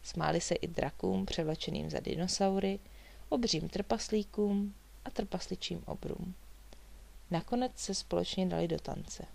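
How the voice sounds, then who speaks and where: Gravelly woman reading a children's story. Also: on the low side, darkish tone.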